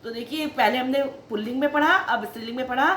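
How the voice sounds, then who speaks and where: A woman teaching Sanskrit to schoolchildren in a video lesson, calling them beta and saying each word slowly before giving its meaning, with quick rushed asides in between. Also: sits high, fairly bright tone, roomy sound. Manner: sing-song emphatic teaching cadence, sometimes rushed asides. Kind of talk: online lesson explaining a textbook chapter.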